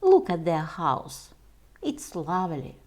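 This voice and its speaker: A woman reading a homework lesson aloud for young children, slowly and carefully, as their English teacher. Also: fairly low pitch, wildly swooping pitch, darkish tone.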